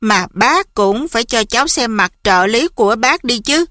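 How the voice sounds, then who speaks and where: Affectionate, cooing woman principal, read by a woman, bright and dry. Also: fairly high pitch, lively intonation, normal speed, no room sound. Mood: fond. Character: warm woman school principal.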